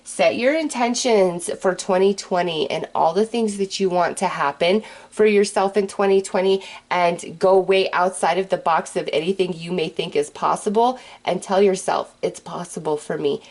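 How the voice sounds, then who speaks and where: A woman's voice: lowish voice, moderate pace, hardly any pauses, darkish tone. A woman giving a casual, mystical horoscope reading as a tarot host, talking directly and reassuringly to the listener in a conversational way.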